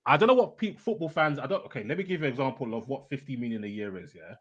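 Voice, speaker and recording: A young man co-hosting a football podcast in casual, excitable chat, often laughing and talking in quick bursts. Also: medium pitch, breathy edge, muffled recording. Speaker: podcast co-host.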